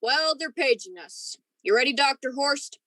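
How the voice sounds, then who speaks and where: An edgy, dutiful spaceship lieutenant played by a woman in a radio play. The voice is fairly high and bright, questioning and uneasy, with a dry sound. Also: expressive, normal speed, no echo. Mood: edgy, impatient. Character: dutiful, edgy young ship's lieutenant, uneasy before danger. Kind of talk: radio drama acting.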